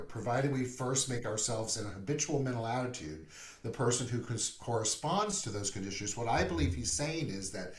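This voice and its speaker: A man speaking as a minister in a conversational sermon, playful and animated, acting out little asides. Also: mid-range voice. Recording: roomy echo.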